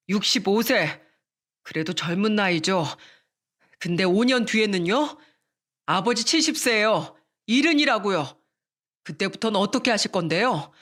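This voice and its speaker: A woman's voice: mid-range voice, fairly bright tone, lightly acted. A woman voicing a hot-tempered younger son who bluntly confronts his father in a radio story. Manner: accusing, blunt, insistent.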